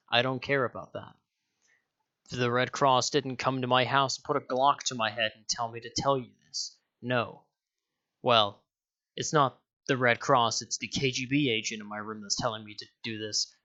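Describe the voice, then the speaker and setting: Rambling young man, bright voice. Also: mid-range voice, steady tone, moderate pace, dull audio. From Denmark. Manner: rambling, swears casually, self-correcting. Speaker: YouTuber. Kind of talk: casual direct-to-camera vlog.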